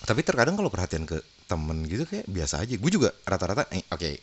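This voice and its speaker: A man's voice: wildly swooping pitch, fast talker, slightly rough. A man co-hosting a podcast, chatting casually and playfully, often acting out quotes. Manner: playful, acts out quotes in a high voice. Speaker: podcast co-host. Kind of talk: casual chat.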